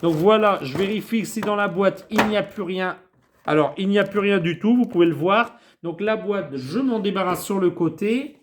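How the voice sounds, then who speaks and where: A man's voice: sits high, normal speed, noisy background. A man chatting casually as he unboxes a collectible figure, rambling with many fillers. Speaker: toy collector vlogger.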